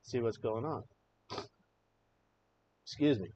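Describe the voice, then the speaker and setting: A livestream show host delivers impassioned, emotional political commentary, swearing freely as he goes. His mid-range voice is slow and dark-toned, and the audio is slightly dull with faint noise.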